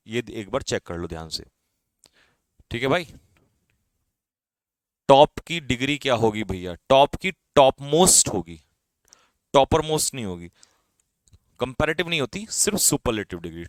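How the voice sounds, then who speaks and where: Lively Indian male English teacher. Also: mid-range voice, no echo, clean studio sound. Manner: explains step by step, code-mixing, asks and answers own questions; calls students brother, drops his voice at ends of lists. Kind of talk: online exam-prep lesson.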